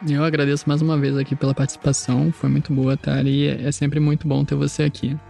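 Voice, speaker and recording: A man's voice: a little high, monotone, fast talker, vocal fry, warm tone, faint music behind. Enthusiastic Brazilian man hosting a podcast. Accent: Brazilian Portuguese. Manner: enthusiastic, rambling with restarts. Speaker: podcast host. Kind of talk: casual podcast chat.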